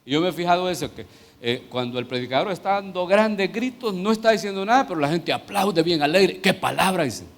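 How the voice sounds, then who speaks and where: A man's voice: high voice, expressive, a little fast. A middle-aged man with a Salvadoran Spanish accent, a pastor teaching a sermon in a conversational way that turns into fervent prayer.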